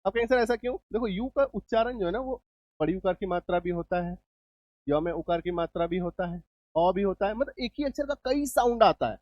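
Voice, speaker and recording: A man teaching English spelling in a relaxed spoken lesson, often checking that students follow and reassuring them. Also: high-pitched, fairly quick, no echo, muffled recording. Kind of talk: spoken Hindi lesson with students addressed directly.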